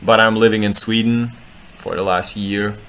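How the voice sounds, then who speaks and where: A Croatian man who reads human design and works as a street artist rambles loosely about human design in a casual live talk from a home room in Sweden, often restarting words and tossing in playful asides. His voice sits on the low side with a steady tone and moderate pace, sounding pushed and bright, with a little hiss or hum.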